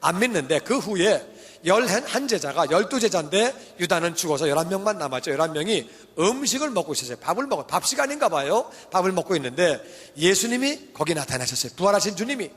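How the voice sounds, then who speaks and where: A man preaching a sermon as pastor, lively and colloquial, repeating emphatic refrains. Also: high voice, quick pace. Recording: long church reverb.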